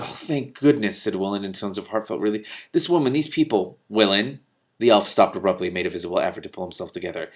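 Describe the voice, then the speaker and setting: This low-voiced man reads a novel aloud and comments on it as he goes. He is animated, muttering quickly between passages, laughing and swearing in asides, and going higher and louder whenever a character speaks.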